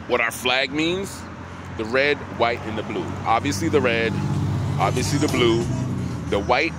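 A man giving a profane, rambling street monologue outdoors, chuckling often as he talks. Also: mid-range voice. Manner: profane, loose, breaks into frequent chuckles. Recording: street traffic noise behind.

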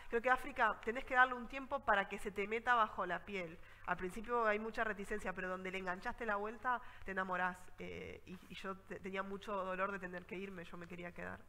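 Una mujer con acento rioplatense que da una charla de viajes y cuenta anécdotas con viveza, imitando a la gente de sus historias. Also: female voice, fairly high pitch, in a large hall, rough recording. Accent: Rioplatense Spanish. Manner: lively storytelling, acts out scenes. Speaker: travel speaker. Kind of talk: conference talk with anecdotes.

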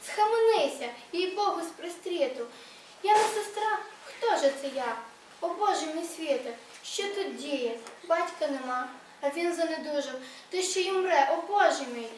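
A woman's voice: extremely high pitch, animated, moderate pace, a little hiss or hum. A woman reading aloud voices a tender, frightened young village girl with a pleading tone. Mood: alarmed pleading. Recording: echoey room, read from far off.

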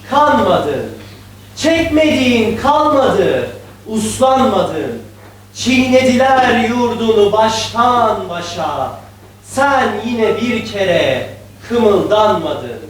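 A man's voice: extremely high pitch, sing-song, drawn-out words, a little hiss or hum, heavily acted. A man acting an ailing, devoted old poet, speaking with declamatory solemnity. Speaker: poet in a stage play. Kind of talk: theatrical stage acting. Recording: echoey hall, distant mic.

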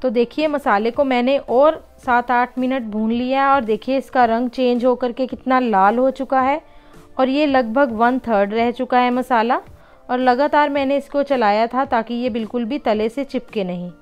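A woman's voice: a little high, moderate pace, smooth, lo-fi sound, faint music behind. A woman hosting a home cooking channel, patiently explaining each step of a recipe in a voice-over and often calling her viewers friends.

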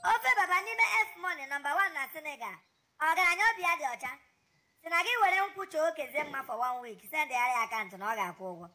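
Squeaky, excitable West African cartoon dad. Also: male voice, fast, heavily acted. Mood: scolding. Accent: West African, Nigerian. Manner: exclamatory, mixes in English phrases. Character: excitable, scolding cartoon family man. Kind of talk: comic cartoon dub.

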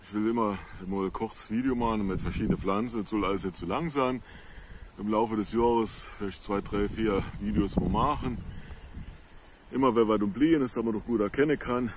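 A man with a Moselle Franconian dialect explaining plants on a casual nature walk outdoors in the countryside, in a halting, unhurried way. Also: lowish voice, slight background noise. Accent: Moselle Franconian dialect of the Saar-Moselle area. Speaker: local nature video maker.

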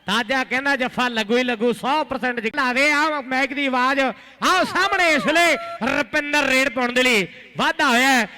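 Very high-pitched, piercing frantic Punjabi kabaddi commentator, male. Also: moderate pace, bright, forceful tone. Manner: chanting, repeated words and rhyming catchphrases. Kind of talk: frantic rural sports commentary.

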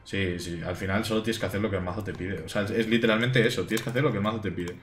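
A man in his thirties with a Castilian Spanish accent, a guest chatting casually while opening cards, relaxed and reading card names aloud. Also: on the low side, racing. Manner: relaxed, speaks in loose fragments, reads card names aloud. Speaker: guest, shop colleague. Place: indoor streaming room. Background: faint background music.

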